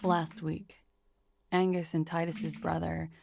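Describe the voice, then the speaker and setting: An actress voicing a frightened, guarded young woman who speaks in a measured, weary confessional manner in a video game. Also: sits low, little pitch movement, creaky, darkish tone, full character voice.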